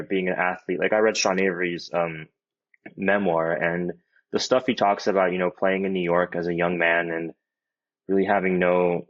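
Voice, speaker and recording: A man in his twenties, a hockey player guest, chatting in a laid-back, rambling way full of "like" and "you know". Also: low voice. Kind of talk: casual interview chat. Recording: dull, lo-fi audio.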